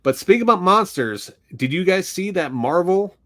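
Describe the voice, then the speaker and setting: A man's voice: high-pitched, very animated, moderate pace, fairly bright tone. A man with a Philadelphia accent, co-hosting a podcast in a rambling, casual way and laughing easily. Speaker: podcast co-host. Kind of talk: casual chat.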